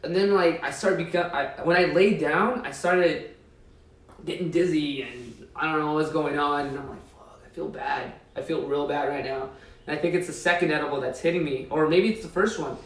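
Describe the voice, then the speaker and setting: A man's voice: a little high, fairly even intonation, moderate pace, a bit bright. A young man telling a long story in casual chat, laid-back and profane, acting out what people said. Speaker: podcast co-host. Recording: echoey room, mic far off.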